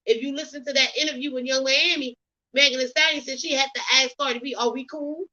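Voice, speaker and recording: In a high, pushed, bright voice with fairly even intonation, a Southern US woman with a Geechee accent rattles quickly through opinionated celebrity gossip, rambling with many ums and you knows. It's a casual commentary vlog. The recording is muffled.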